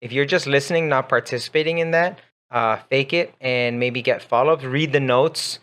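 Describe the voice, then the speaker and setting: A co-host and English teacher whose first language is Spanish chats casually about learning English, reading out listener questions in an easygoing way. His mid-range voice is clear, resonant, and fairly bright, at normal speed.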